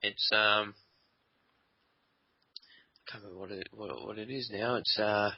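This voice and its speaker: A man's voice: on the low side, steady tone, unhurried, dry recording. A man casually chatting and teasing his co-host while they play a game together at his computer, swearing freely. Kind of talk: casual gaming chat. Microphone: desk microphone. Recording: dull lo-fi dry sound.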